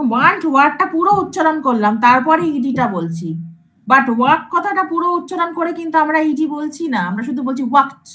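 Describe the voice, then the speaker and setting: A computer science lecturer with a high, fairly bright voice teaches a class in a low-quality recording. She repeats example words again and again, mixes English terms into her speech, and keeps checking that her students are following.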